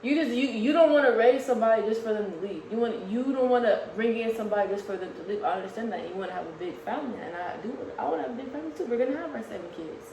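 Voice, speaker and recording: A woman's voice: a little high, lively intonation, rapid-fire, gravelly, few pauses. Insistent young woman, stumbling restarts. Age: early 20s. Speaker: vlog co-host. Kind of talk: casual argument on camera. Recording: echoey room with faint hiss.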